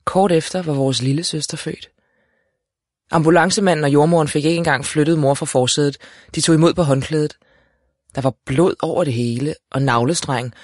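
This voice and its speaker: Guy reading a story out loud, lively and wry, bit high pitched, dead dry sound. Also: dry recording. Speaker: audiobook narrator. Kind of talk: first-person storybook narration.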